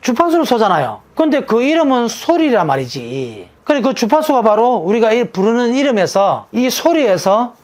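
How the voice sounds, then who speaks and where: A man's voice: very high-pitched, very animated, normal speed, hardly any pauses, a little mellow. A man, a monk who gives naming advice, explains his ideas in an interview and often answers his own rhetorical questions. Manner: lecturing, asks rhetorical questions and answers them himself; drops into a casual, emphatic sentence ending.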